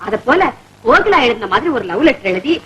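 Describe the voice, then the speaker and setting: A woman's voice: a little high, sing-song, brisk, breathy edge, full character voice, poor audio. An actress playing a meddling, scheming married neighbor woman in a classic film comedy, talking in a bossy, gossipy way full of theatrical exclamations. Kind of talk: 1970s Tamil film comedy acting.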